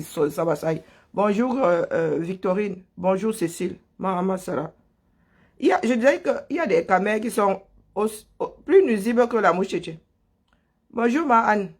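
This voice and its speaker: High-voiced man hosting a live stream. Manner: greets viewers by name between political rants; sarcastic, laughs often. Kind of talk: casual live stream commentary.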